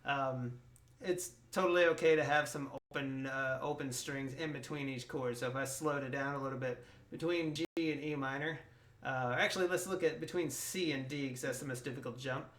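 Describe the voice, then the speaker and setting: Relaxed man teaching guitar. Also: mid-range voice, normal speed. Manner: relaxed, with frequent ums and restarts. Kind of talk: casual guitar lesson. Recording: roomy sound with loud guitar. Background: his own guitar playing.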